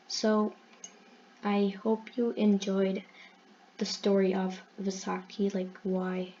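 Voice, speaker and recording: A woman's voice: lowish voice, gravelly, a little mellow, slight background noise. Woman, channel host, religious story retelling, earnest, explanatory, self-correcting, muffled lo-fi sound.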